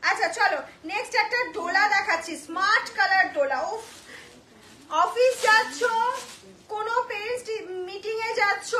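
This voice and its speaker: A woman runs a live sari sale, her very high voice bright and insistent. She circles back to prices, coaxing viewers to book fast. The room is echoey, with a faint hiss underneath. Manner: repetitive, urgent, coaxing buyers; mixes in Hindi and English phrases. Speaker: saree seller hosting a live sale. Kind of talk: live-stream sales pitch.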